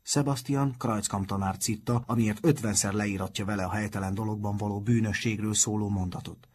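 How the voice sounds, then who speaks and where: A man reading a children's novel aloud in a calm, measured audiobook narration. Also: lowish voice, a little hiss or hum.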